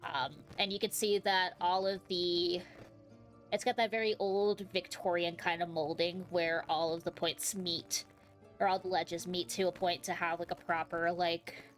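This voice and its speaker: Woman GM, lowish voice, meandering scene descriptions, frequent ums. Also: little pitch movement, faint music behind. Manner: rambling, full of "like" and "um", unhurried. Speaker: game master. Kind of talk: narrating a tabletop game.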